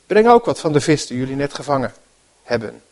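Jesus, a calm, kindly teacher, read by a man. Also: medium pitch, fairly quick, lightly acted. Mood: calling out.

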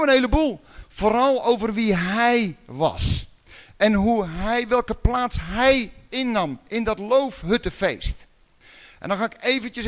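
A man from the Netherlands preaching a sermon in a conversational way, with rhetorical questions and sudden loud calls. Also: sits high.

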